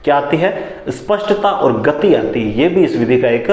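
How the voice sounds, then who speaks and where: A man teaching a lesson, who repeats key phrases back as questions and sometimes talks fast enough that his words tangle. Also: medium pitch, lively intonation, darkish tone, reverberant. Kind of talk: classroom lecture on teaching methods.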